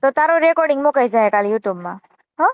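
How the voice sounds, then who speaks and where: A Saurashtra Gujarati-accented woman pushes back hard during a phone argument, scolding and circling back to the same points. Her voice is high, quick, and lively in intonation; the channel creator's muffled call recording is dry.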